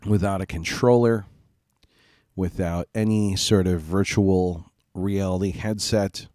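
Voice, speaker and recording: A man with a cold and a stuffy, congested nose hosts a live gaming stream, rambling and apologizing with lots of fillers and restarts in casual chat. His voice sits on the low side and is a little mellow. He uses a home streaming mic, and the sound is clean and studio-like with no room sound.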